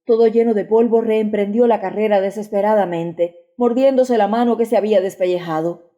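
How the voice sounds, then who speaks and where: A woman narrating a literary short story in a measured, even storytelling manner. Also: medium pitch, lo-fi sound. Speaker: audiobook narrator.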